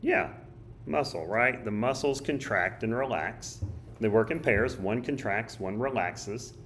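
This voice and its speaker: A male teacher with a hoarse, choked-up voice, casually thinking aloud as he walks through a study guide. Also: on the low side, expressive, measured pace, fairly bright tone, slight background noise. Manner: casual, thinks aloud while drawing and writing. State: hoarse, coughing. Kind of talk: recorded study guide walkthrough.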